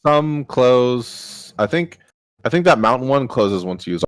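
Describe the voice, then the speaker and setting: A man's voice: medium pitch, expressive, a little slow, dry recording. A man casually explaining board game rules, rambling with many fillers.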